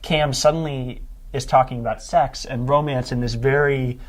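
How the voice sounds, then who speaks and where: A young man hosts a music podcast in a loose, rambling way. He fills his talk with "um" and "you know" and restarts his sentences, at a middle pitch. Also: steady tone, moderate pace. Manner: rambling, many fillers and restarts. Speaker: podcast host. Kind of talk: casual music podcast chat.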